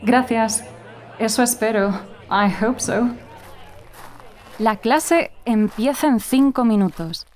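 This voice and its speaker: A woman in her twenties with a Spanish-from-Spain accent tells a scripted story for learners. She speaks slowly and clearly. Her voice sits a little high. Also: darkish tone, soft background music. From Spain (Galicia). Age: 20s. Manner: slow, clear, carefully spoken. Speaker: narrator and new Spanish teacher.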